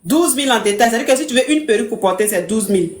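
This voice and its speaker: A woman's voice: a little high, expressive, rapid-fire, a little hiss or hum, lightly acted. A woman playing a brash, imperious coach who mocks callers and threatens to block them on a live stream. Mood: bossy. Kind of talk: comic live-stream parody. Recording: roomy echo.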